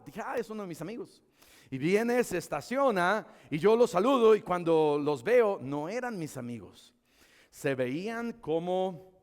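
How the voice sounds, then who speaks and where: A middle-aged man with a Mexican accent, a pastor telling a story in a sermon and building to impassioned crescendos. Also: high-pitched. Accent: Mexican Spanish. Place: church hall. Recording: long church reverb.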